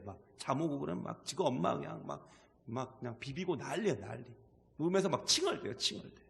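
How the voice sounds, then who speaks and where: A man's voice: on the high side, fairly bright tone. A male pastor preaching a sermon in a conversational way, asking the congregation questions as he goes. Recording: long reverb of a church hall.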